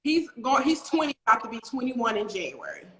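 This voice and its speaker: A woman in her late thirties hosting a talk show, chatting in an excitable, rambling way. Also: on the high side, a little fast, roomy sound, low-quality recording. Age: late 30s. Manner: excitable, rambling, laughs often. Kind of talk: casual interview chat.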